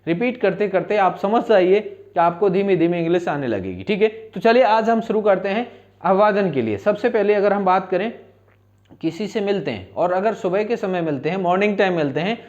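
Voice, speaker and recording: A man's voice: sits high, animated, moderate pace, a little mellow, dull audio. A male teacher giving a spoken-English lesson, asking questions and answering them himself in repeat-after-me drills.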